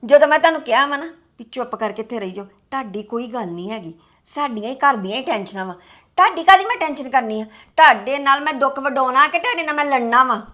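A woman's voice: animated, quick pace. A woman playing a stressed young wife worried about household debt, talking sharply and complaining. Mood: defensive. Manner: sharp, complaining, then weary and low. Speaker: daughter-in-law character.

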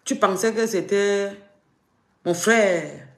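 A woman with a Cameroonian French accent rants on a live stream, taunting, mocking and threatening in a confrontational way. She speaks slowly in a medium-pitched voice, and the room sounds echoey.

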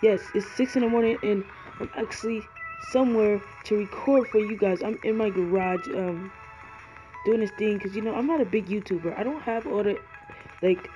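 A man giving earnest, rambling gameplay commentary from a cold garage, shivering and full of ums and likes. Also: high-pitched. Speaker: gaming YouTuber. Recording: dull lo-fi audio with loud music.

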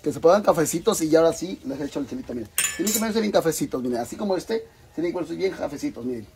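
Expressive and very fast, a man with a slightly high, creaky, dark-toned voice hosts a cooking live stream with a Mexican Spanish accent. He's rowdy and casual, swearing freely and calling viewers "hermanas," over slight background noise.

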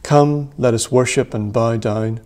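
A man in his thirties leading worship as a priest, reading prayers in a measured, solemn way in a small church room. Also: medium pitch, darkish tone. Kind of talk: liturgical reading.

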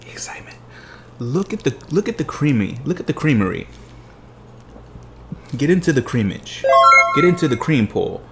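A man's voice: mid-range voice, sing-song, moderate pace, pauses often, music in the background. A man in his thirties talking chattily as he tastes desserts at home, savoring each bite with exuberant delight. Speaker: food vlogger. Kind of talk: dessert tasting vlog. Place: living room at home.

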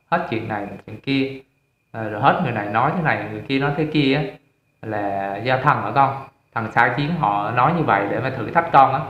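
Guy doing a soft fatherly old god, gentle and kind, echoey lo-fi sound. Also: medium pitch, close to an everyday voice. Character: kindly old male god speaking in a dream.

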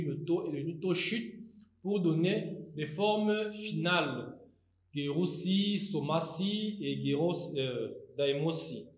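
A man teaching a grammar lesson, slowly and deliberately spelling out word forms with occasional hesitations. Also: on the high side, reverberant. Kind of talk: recorded Greek grammar lesson.

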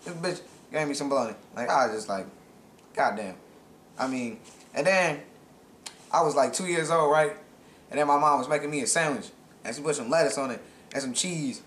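Brash, bright-voiced young man. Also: a little high, a little fast, long pauses, echoey room, slight background noise. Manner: brash, profane, repeats catchphrases. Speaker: comic co-host. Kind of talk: joking, rambling skit.

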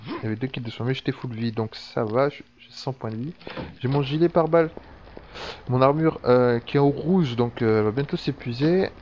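A man talking through a game in a loose, chatty way, swearing often and thinking aloud at a middling pitch. The sound is dull and lo-fi, with a faint hum of ambience behind him. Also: brisk. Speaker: gameplay commentator. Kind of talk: casual let's-play commentary.

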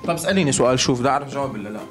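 A man's voice: mid-range voice, animated, racing, faint music behind. A young man hosting a street interview show, teasing and joking affectionately with children at a care center.

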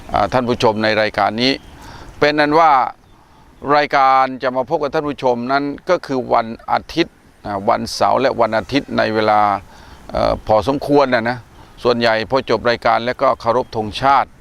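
A Buddhist monk from northeastern Thailand hosts a casual religious talk program, chatting easily and filling his pauses with "er." His voice sits at an ordinary pitch and sounds smooth and resonant. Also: fairly bright tone. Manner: chatty storyteller, many "er" fillers. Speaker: Buddhist monk hosting the show.

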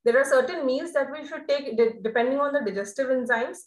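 A woman's voice: high-pitched, brisk. A woman with an Indian accent giving an informal, instructive online training talk, mixing Hindi and English. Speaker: nutrition trainer giving a session. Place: indoors, video call. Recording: echoey room on video call.

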